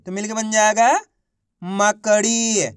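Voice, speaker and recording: A man teaching children to read, sounding out each syllable loudly before blending the word, then coaching viewers as friends. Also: high voice, moderate pace, dry recording, clean studio sound. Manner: addresses viewers as friends, coaxing and repetitive. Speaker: Hindi reading teacher. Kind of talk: slow syllable-by-syllable reading lesson.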